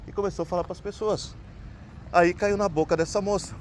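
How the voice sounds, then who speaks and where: A man's voice: sits high, steady tone, a little fast, a little hiss or hum. A man from Brazil with a Brazilian Portuguese accent, telling a personal story in a casual, rambling way and ending sentences with "né?". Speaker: vlogger.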